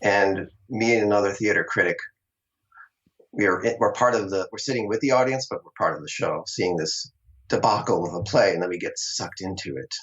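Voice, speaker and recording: Here a middle-aged man from Long Island, New York, an actor being interviewed, chats casually and laughs a lot while sharing stories about his early acting days. He speaks in a low, somewhat bright voice and talks fairly quickly. The recording quality is dull and lo-fi.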